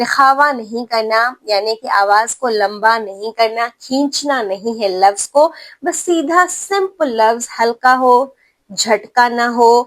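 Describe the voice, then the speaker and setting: A woman with a Pakistani accent gives a step-by-step tajweed lesson. Her voice sits a little high, and she drags out each demonstrated sound slowly and repeats it. She keeps checking that the listener is following. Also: a bit bright. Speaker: Quran recitation teacher.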